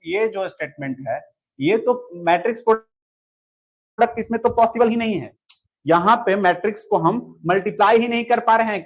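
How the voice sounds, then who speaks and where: Male teacher running an online class, high voice, repeats himself, keeps checking if students follow. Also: poor audio. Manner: asks students to answer and comment, repeats key points. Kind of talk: online lesson solving exam questions.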